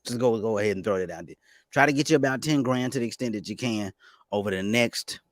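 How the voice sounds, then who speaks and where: A man giving casual, fast-talking commentary on stocks and crypto, excitable and stumbling over restarts. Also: on the low side, no echo, clean studio sound. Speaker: finance YouTuber.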